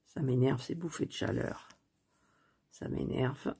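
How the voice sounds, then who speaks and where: Soft-spoken husky woman crafter. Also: a bass voice, a little slow. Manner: chatty, thinking aloud while working; speaks softly near the phone. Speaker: cross-stitch crafter. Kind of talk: casual craft tutorial chat. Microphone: phone on a stand.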